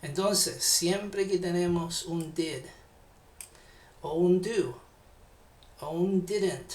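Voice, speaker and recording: A man with a Chilean accent, teaching an English lesson, speaking patiently and deliberately to his learners. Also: high voice, darkish tone, roomy sound. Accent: Chilean Spanish. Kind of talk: classroom lesson explanation.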